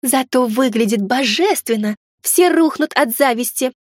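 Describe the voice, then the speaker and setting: A woman voicing a fussy, chatty female fairy house spirit in a storybook reading, talking in an excitable, theatrical way. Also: sits high, moderate pace, no echo, studio quality, pitched above the performer's own voice. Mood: indignant.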